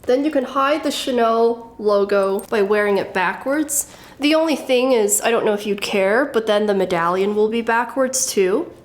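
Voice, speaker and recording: A woman in her thirties explaining things in a casual show-and-tell vlog, in a wry, matter-of-fact way. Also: a little high. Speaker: fashion vlogger.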